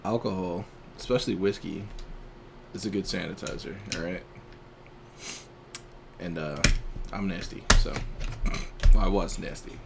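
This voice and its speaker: A man's voice: low-pitched, steady tone, a little slow, long pauses. A young man co-hosting a casual chat podcast, a laid-back storyteller who fills his talk with "like". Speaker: podcast co-host. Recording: clear background noise.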